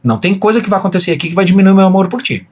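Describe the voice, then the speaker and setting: A man's voice: high voice, very fast, slightly rough. A man, a pastor, telling an emotional personal testimony in casual podcast talk, acting out dialogue as he goes. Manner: animated storyteller, acts out quoted dialogue.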